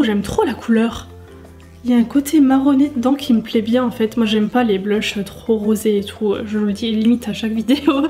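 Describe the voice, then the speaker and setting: Beauty vlogger, woman; slightly high, chatty and casual, faint music underneath. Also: darkish tone. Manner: chatty, many fillers, addresses viewers directly. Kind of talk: casual makeup tutorial chat.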